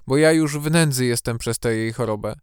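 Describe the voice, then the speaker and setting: A poor, god-fearing village mother, as a male storyteller puts her on, fretful and full of worried questions. The voice stays clear and smooth at a mid pitch, recorded close and dry. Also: a little fast, a little mellow, no echo, natural voice. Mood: anxious. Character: poor, anxious, devout mother fearing for her sick daughter.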